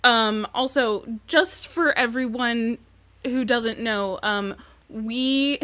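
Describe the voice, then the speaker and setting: A young woman co-hosts a live podcast chat, excitable and drawn out. Her voice sits high and bright. She talks slowly, stretching her words. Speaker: podcast co-host. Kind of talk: casual live-stream chat.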